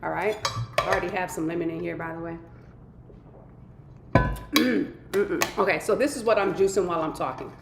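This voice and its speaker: A woman's voice: racing, gravelly. A woman hosting a live stream in casual, upbeat chat, a little nasal and congested, repeating her catchphrases. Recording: echoey room, faint rumble.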